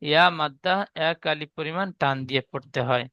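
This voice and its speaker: A man with a Bengali accent teaching Quran reading in a slow lesson, explaining each rule step by step and having students repeat it aloud. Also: fairly high pitch, clean tone, no room sound, muffled recording. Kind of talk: slow recitation lesson with repetition.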